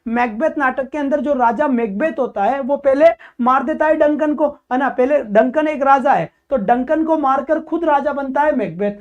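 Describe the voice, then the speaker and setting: A woman's voice: sits high, a little mellow. A woman teacher giving an exam-prep lecture. She asks questions and answers them herself, and keeps calling her students "child" affectionately. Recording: dull lo-fi recording.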